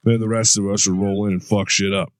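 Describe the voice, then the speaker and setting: Lightly acted, with no echo, a man speaks fast in a lowish voice with little pitch movement. The audio drama casts him as a hardened veteran soldier being interrogated, talking bluntly and profanely in a gruff, recounting mood.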